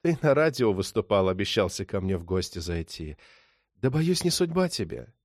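A man reading a menacing phantom caller who speaks quietly and politely while he mocks. His words come low, slow and unhurried, with a soft, dry sound. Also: very animated, no echo. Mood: taunting. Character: mocking mysterious male caller, coolly menacing.

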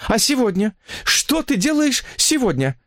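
Man doing a high, tearful, clingy woman for an audiobook, begging in a lively sing-song. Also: normal speed, no echo, clean studio sound. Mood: desperate. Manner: pleading, reproachful. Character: desperate lovesick married woman, tearful and pleading.

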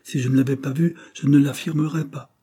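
A man's voice: medium pitch, fairly quick, mellow, husky, pitched above the performer's own voice. A man voicing a stubborn young maidservant who insists firmly on what she saw. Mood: insistent. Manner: firm, insistent. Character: stubborn young maid, sure of herself.

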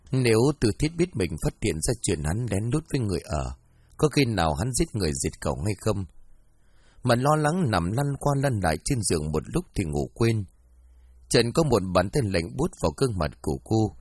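A man narrating a ghost story in an expressive storytelling manner, as an audiobook. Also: lowish voice, breathy edge, no echo.

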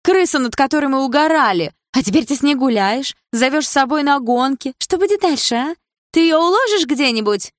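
A woman voicing a jealous young woman who sounds shrill, hurt and indignant in an audiobook. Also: animated, a little fast, dry recording, clean studio sound.

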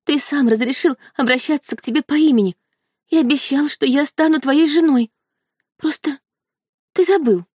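A woman's voice: moderate pace, long pauses, darkish tone, no echo, clean studio sound, natural voice. A woman voicing a tearful, hysterical young woman who pleads and sobs. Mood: pleading. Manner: pleading, sobbing, high-strung.

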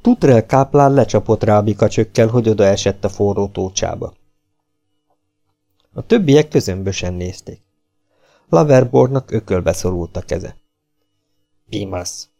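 A man narrating an audiobook in a measured, dramatic way, with a warm, dark tone and mid-range pitch. Faint music sits quietly behind his voice. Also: expressive, vocal fry. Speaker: audiobook reader.

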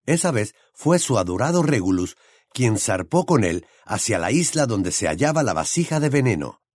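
Expressive male audiobook narrator. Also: on the low side, no room sound, clean studio sound. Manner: expressive, dramatic reading.

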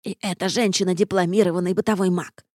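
A woman's voice: on the low side, fairly even intonation, quick pace, darkish tone, no room sound, studio quality, natural voice. A woman voicing a cheeky, fluffy male jerboa who whines and wriggles out of blame, in an audiobook. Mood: grumbling. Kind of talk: audiobook character voice.

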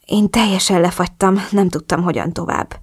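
A woman narrating a romance audiobook in the first person, expressive and lively. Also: fairly low pitch, breathy edge, no echo, clean studio sound.

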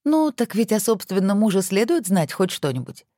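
A reader voicing a sharp-tongued young wife who teases her husband in mock-stern tones, in a storybook reading. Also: medium pitch, very animated, normal speed, no room sound, studio quality, pitched above the performer's own voice.

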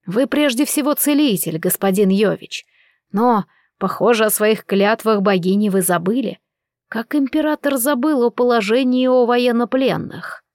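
A woman's voice: a little high, moderate pace, a little mellow, dry recording, close to an everyday voice. A woman voicing a restrained male scientist in an audiobook, speaking dryly and curtly. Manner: restrained, dry.

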